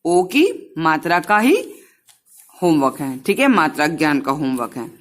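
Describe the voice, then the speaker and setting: In a fairly low, very animated voice, a teacher gives small children a slow, patient lesson. She sounds out each syllable one at a time and mixes English words into her Hindi.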